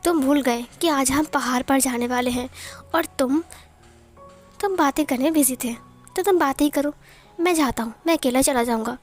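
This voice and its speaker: A woman's voice: sits high, moderate pace, soft background music, close to an everyday voice. A woman doing a jealous, snappish young master. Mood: sulky. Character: jealous young male master, sulky and curt.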